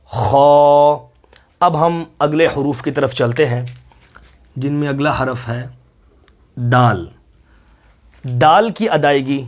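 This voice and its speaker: Patient man drawing out letter sounds. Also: a little high. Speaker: Quran reading teacher. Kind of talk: step-by-step recitation lesson.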